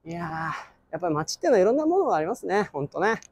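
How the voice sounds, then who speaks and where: Playful male vlogger with lively, swinging pitch. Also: very fast, breathy edge, no echo. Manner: playful, repeats short phrases. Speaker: host of a street stunt video. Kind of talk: casual outdoor vlog chat. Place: city street and plaza at night, outdoors.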